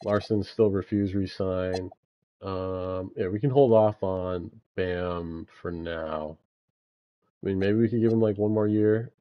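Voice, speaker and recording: Running a basketball franchise on his gaming channel, the young man talks slowly and steadily in a low voice, musing aloud with frequent fillers. The recording is muffled.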